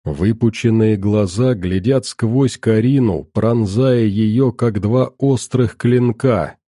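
Low, dark-voiced male horror narrator. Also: takes it slowly, no room sound, clean studio sound.

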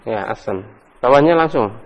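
An animated man with a mid-range voice speaks at normal speed on a lo-fi recording. He's leading an Arabic grammar class in a mosque study hall, patiently fixing students' mistakes and often praising them, and the hall's reverb lingers long.

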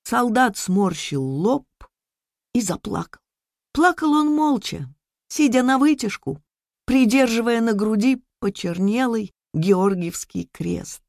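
A woman narrating a story in a measured, steady way. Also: fairly high pitch, creaky, no echo, clean studio sound. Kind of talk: scripted narration.

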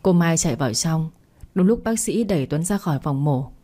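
A woman's voice: deep voice, lively intonation, a little fast, mellow. A woman narrating a story in one plain voice, reading all parts herself.

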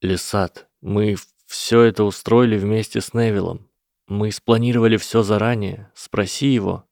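A man's voice: lowish voice, steady tone, moderate pace, creaky, darkish tone, no room sound, studio quality. A man voicing an earnest young boy wizard in an audiobook, speaking plainly and sometimes strained. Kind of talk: audiobook character voice.

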